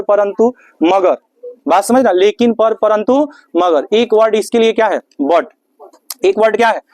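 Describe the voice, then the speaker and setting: A man's voice: high voice, darkish tone, no room sound. A man teaching English grammar in a classroom lesson, asking questions and answering them himself. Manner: asks questions and answers them himself, repeats key words; calls listeners "babu".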